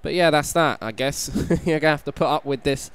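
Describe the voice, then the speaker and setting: A man's voice: on the high side, a little fast, fairly bright tone, dry recording. Hungover British man commentating on games. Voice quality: slightly croaky from hangover. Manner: hungover, self-deprecating. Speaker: gaming YouTuber, host. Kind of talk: casual video game playthrough commentary. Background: background music.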